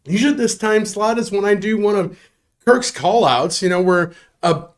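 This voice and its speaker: A man's voice: sits high, normal speed. A man hosting a live bar prize giveaway show, jokey and upbeat, with chuckles and asides.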